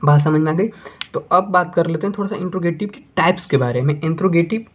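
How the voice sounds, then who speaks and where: A man's voice: on the high side, a little hiss or hum. A man whose first language is Hindi, teaching beginner English grammar and repeating points, asking questions and then answering them himself. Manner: repetitive, asks and answers his own questions; slows down to dictate English sentences. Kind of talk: classroom-style lesson for beginners. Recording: tinny phone-like audio.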